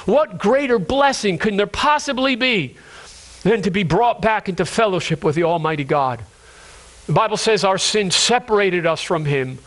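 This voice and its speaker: A man preaching with a high, ringing voice. He works up to fervent, pleading cries, then sinks into slow, quiet stretches, stumbling over and repeating words as he goes. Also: animated. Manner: impassioned, rising to high cries then dropping low and slow. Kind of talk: sermon.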